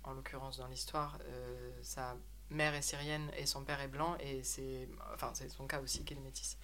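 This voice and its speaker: A woman interprets interview answers consecutively, pausing to search for words and correcting herself as she goes. Her voice sits very low for a woman. She speaks in an even, flat line. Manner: hesitant, many euhs and self-corrections.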